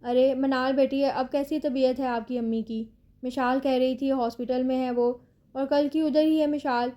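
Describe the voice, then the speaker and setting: An old grandmother rules her household with a commanding, protective manner, as a woman narrator reads her. The voice stays high and mellow. It is a plain storybook reading. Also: fairly even intonation, lightly acted. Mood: concerned.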